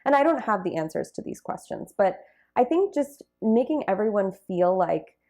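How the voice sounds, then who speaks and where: A young Bharatanatyam dancer, interviewed about her dance journey, reflects casually with many fillers. Her medium-pitched voice is sing-song and dark in tone, and she speaks at a moderate pace.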